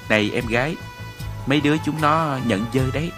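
A man's voice: mid-range voice, brisk, over music, lightly acted. A man voicing a bold, flirtatious male battalion commander with brash talk. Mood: flirting.

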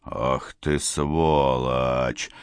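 A cruel bandit chieftain, as a male audiobook reader puts him on, growls his threats in a low, dragging voice. He sounds heavy, menacing and contemptuous. The recording is close and dry. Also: pushed and bright, no room sound. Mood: seething. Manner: growling, threatening, slow and drawn out. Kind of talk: audiobook character voice.

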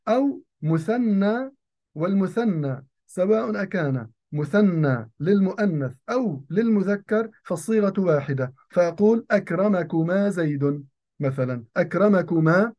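A man giving a grammar lesson, who repeats key phrases and slows down to say the example sentences. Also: high voice, expressive. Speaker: teacher of Arabic grammar. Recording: dull lo-fi recording.

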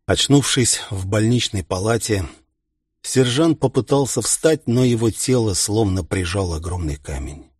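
Guy reading a sci-fi audiobook, lowish voice, very dry close mic. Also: unhurried, husky, no echo. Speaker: audiobook narrator. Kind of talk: scripted narration.

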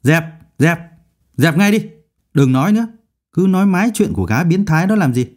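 A man's voice: mid-range voice, lively intonation, moderate pace, dark tone, breathy edge. A man voicing a young female student in a storybook, hot-tempered and lovesick, with sudden outbursts and pleading. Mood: irritated.

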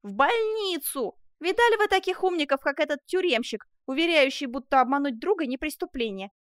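A woman voicing an excitable young man who exclaims in agitation, in a storybook reading. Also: high-pitched, normal speed, no room sound, clean studio sound, voice pushed up. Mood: agitated.

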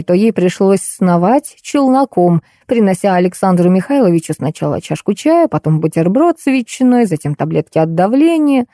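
A woman narrating a first-person comic novel as an audiobook, in a lively, ironic manner. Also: fairly low pitch, dry recording, studio quality.

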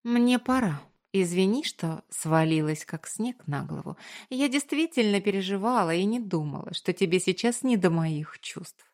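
A woman's voice: mid-range voice, lively intonation, moderate pace, hardly any pauses, darkish tone, voice pushed up, close to an everyday voice. A woman voicing a hurt young woman who speaks with restrained bitterness in an audiobook. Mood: bitter restrained. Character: young woman, hurt but composed ex-partner. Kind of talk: audiobook character reading.

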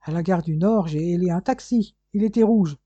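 A dazed, sour male captive in an audiobook, as a reader puts him on. He stammers through his answers in a pitched-up voice with a very dark tone, and the recording sounds dull and dry. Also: moderate pace, no echo, natural voice.

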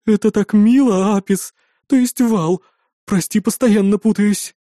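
A man playing a booming, mighty innkeeper woman. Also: unhurried, warm tone, dry recording, studio quality. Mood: gushing. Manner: booming, gushing, then stern. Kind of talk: audiobook character voice.

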